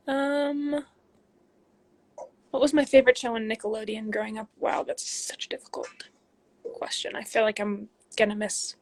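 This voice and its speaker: A woman in her twenties, an athlete hosting a live Q&A, speaks into her phone from a room at home in a medium-pitched voice. Chatty and full of ums, she reads viewer comments aloud and answers them, sometimes dropping into soft asides.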